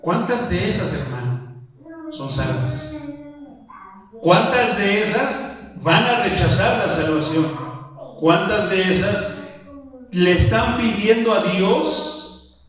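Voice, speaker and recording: Mexican male pastor, conversational sermon, high voice, recorded far off in a very echoey hall. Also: very animated, slow pace, pauses often, a bit bright. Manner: conversational, full of rhetorical questions, often calls out "my brother". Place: church prayer hall.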